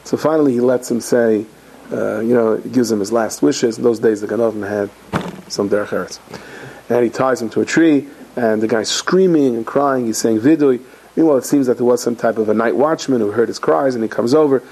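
Gravelly man telling a storytelling sermon. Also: medium pitch, fairly quick, poor audio. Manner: animated, acts out characters in stories, frequent Yiddish and Hebrew terms. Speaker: rabbi giving a talk.

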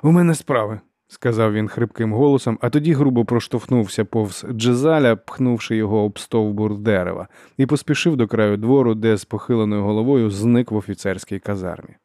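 A man narrating an audiobook in an even storytelling manner. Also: fairly low pitch, brisk, few pauses, no echo, clean studio sound. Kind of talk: scripted narration.

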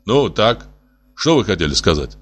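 A man's voice: fairly low pitch, sing-song, normal speed. A man voicing a stern official who argues and lectures in a level voice. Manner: stern, argumentative. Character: stern, sober-minded male official.

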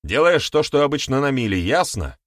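A man's voice: medium pitch, very animated, a little fast, no echo, clean studio sound, pitched above the performer's own voice, lightly acted. A man voicing a stern, scolding village smith in an audiobook, lecturing in a mock-solemn way. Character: gruff commanding male village smith. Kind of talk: audiobook character voice.

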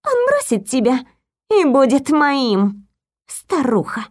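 A woman's voice: high-pitched, wildly swooping pitch, slow, full character voice. A woman reading an audiobook voices a spiteful young nurse who shrieks and sneers. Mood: sneering. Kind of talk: audiobook character voice.

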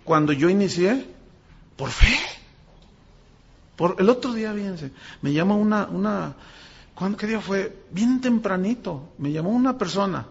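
Animated gravelly pastor preaching. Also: male voice, high-pitched, measured pace, pauses often. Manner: animated, acts out voices in anecdotes. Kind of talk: sermon with storytelling. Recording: dull lo-fi sound.

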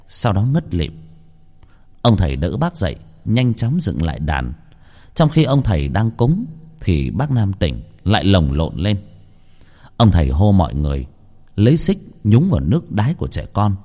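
A man narrating a ghost story in a measured, dramatic storytelling manner. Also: deep voice, dark tone. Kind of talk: scripted horror narration.

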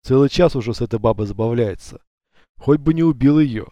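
A man's voice: mid-range voice, animated, a little fast, mellow, no room sound, lo-fi sound, lightly acted. A man voicing Potap, a crude, clumsy young bandit who smirks and mumbles excuses in an audiobook. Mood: smirking.

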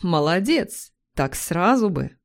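Woman reading a wheedling charmer of a man, coaxing tone, lively pitch; storybook audio. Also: takes it slowly, heavily acted. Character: smooth-talking persuasive man.

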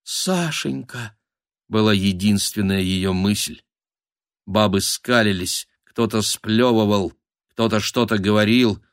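A man narrating a dark period thriller audiobook in a dramatic storytelling manner. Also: lowish voice, flat delivery, a little slow, clean tone, dry recording, studio quality. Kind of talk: scripted narration.

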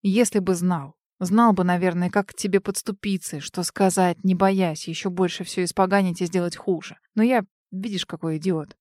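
A worn-out man speaking low and gently, as a woman narrator plays him in a storybook reading. He keeps his voice hushed and tender. The recording is dry. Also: fairly even intonation, normal speed, few pauses, no room sound, natural voice. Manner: soft, lowered, hushed delivery. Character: weary man, tender, softly pleading.

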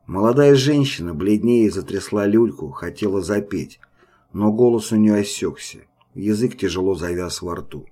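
A man narrating an audiobook in a steady, grave manner. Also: lowish voice, moderate pace. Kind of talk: scripted narration.

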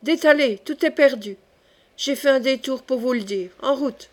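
A woman voicing a male Huguenot rider who shouts hurried warnings as he flees, in an audiobook reading. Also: high-pitched, lightly acted. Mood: alarmed.

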